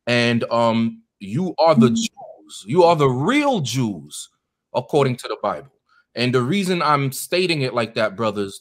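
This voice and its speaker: Man, American accent, deacon, earnest direct preaching, frequent fillers, mid-pitched. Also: a bit bright. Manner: earnest and direct, many ums and uhs. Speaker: deacon leading a Bible study. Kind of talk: preaching to guests in a meeting.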